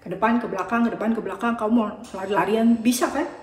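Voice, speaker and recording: A woman's voice: on the high side, fairly even intonation, fast talker. Roomy-sounding woman preaching to children. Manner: gentle, coaxing, talks to children. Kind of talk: children's sermon. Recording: roomy echo.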